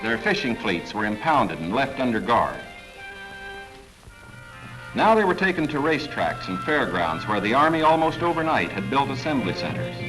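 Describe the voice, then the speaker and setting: A man giving formal, measured 1940s government newsreel narration. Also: medium pitch, poor audio. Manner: formal, measured, authoritative delivery. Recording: narration over clear background music.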